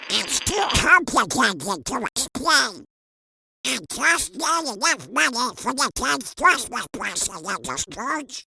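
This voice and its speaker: A woman's voice: sits high, very animated, slow, creaky, pushed and bright, a little hiss or hum, exaggerated voice. A woman voicing a put-upon male duck uncle in a cartoon comic dub. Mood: weary, grumbling. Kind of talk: comic book fan dub.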